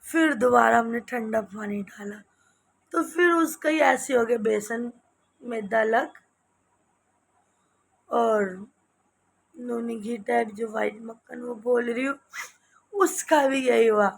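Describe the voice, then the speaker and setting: Woman vlogger, hoarse with a cold, husky and slow-talking, casual chat. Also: fairly high pitch. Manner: chatty, tired and sleepy. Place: home kitchen at night.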